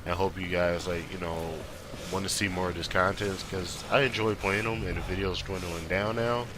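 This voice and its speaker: Low-voiced man, casual game commentary, noisy recording. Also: steady tone, moderate pace. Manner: informal, slangy, conversational. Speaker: gaming video creator doing commentary. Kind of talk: casual, rambling gameplay commentary. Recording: clear background noise.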